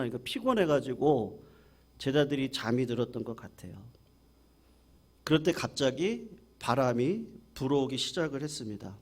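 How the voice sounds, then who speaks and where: Lively, animated male pastor preaching. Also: a little high. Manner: animated storytelling, acting out quoted voices; asks the congregation questions. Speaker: senior pastor. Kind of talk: Sunday morning sermon. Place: church service.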